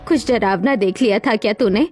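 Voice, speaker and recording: A woman voicing a kind, motherly mother-in-law who speaks gently and reassuringly in a dramatized moral story. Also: mid-range voice, fairly quick, faint music behind, close to an everyday voice. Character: kind, caring middle-aged mother-in-law.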